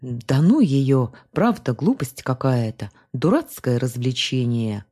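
Brief: evasive, rattled young husband, read by a woman narrator, dark tone. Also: extremely low pitch, lively intonation, slow pace, slightly rough, heavily acted. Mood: defensive. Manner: evasive, later hissing threats. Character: young husband, nervous and defensive.

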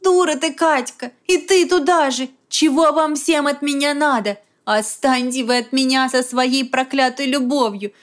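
A woman voicing a shrill, distraught young woman. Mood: furious. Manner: agitated, pleading, fast hot whisper. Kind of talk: audiobook character voice.

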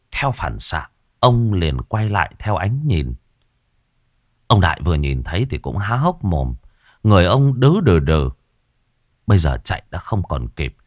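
A man's voice: low-pitched, dry recording, clean studio sound. A man narrating a ghost story in a dramatic storytelling manner.

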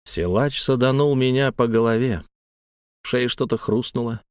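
A man reads a first-person story aloud in a calm, measured voice of middle pitch. The sound is dry and close to the mic, with no room echo. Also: smooth. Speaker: audiobook narrator. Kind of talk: first-person scripted narration.

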